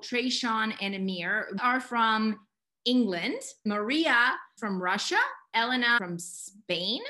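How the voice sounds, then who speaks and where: A woman from the United States hosting a group video call, upbeat and excited, chatting informally with fillers. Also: fairly high pitch. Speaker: host and youth mentor.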